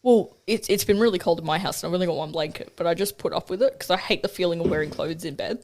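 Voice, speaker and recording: A young adult host, chatting casually on a podcast, joking and swearing freely. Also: male voice, sits high, quick pace, darkish tone. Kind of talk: casual chat.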